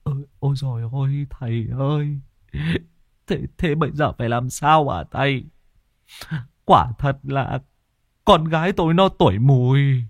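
A man's voice: medium pitch, unhurried, no echo, lo-fi sound, voice pushed up, natural voice. A man doing a stammering frightened father. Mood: panicked. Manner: stammering, panicked pleading. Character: terrified middle-aged father begging a master for help.

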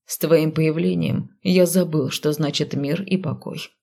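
A woman reads as a surly male necromancer, curt and snappish, his lines dropped low and quiet. He is stubborn and menacing, as she puts him on for an audiobook. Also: fairly even intonation, measured pace, gravelly, full character voice. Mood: dry. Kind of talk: audiobook reading.

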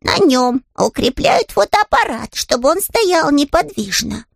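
Woman voicing Paddington, a squeaky little bear. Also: big pitch swings, measured pace, vocal fry, no echo, studio quality, exaggerated voice. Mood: earnest, proud. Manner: earnest, offended and important. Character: small polite male bear, proud and easily offended. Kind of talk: audiobook character voice.

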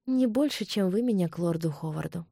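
A woman reading the part of a proud young English lady who exclaims in a high-strung voice. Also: animated, brisk, vocal fry, warm tone, no echo, studio quality. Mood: flustered.

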